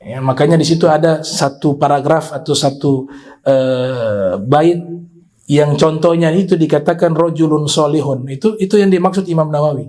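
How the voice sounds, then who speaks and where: Man, preacher, religious lecture, somewhat high-pitched, explanatory, slow Arabic recitation. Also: a little mellow, poor audio. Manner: explanatory, quotes Arabic verses slowly. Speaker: Islamic preacher.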